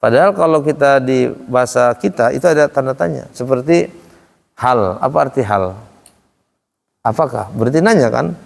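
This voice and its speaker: Gravelly-voiced man teaching in an echoey hall. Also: mid-range voice. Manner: relaxed, chatty, acts out question intonations. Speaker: Quran recitation teacher. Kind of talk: casual classroom teaching. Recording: echoey room with long reverb.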